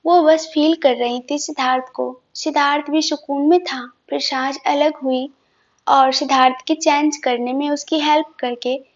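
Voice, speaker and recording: A woman narrating a romantic audio story in a calm, measured storytelling manner. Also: high voice, highs cut off. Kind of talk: scripted narration.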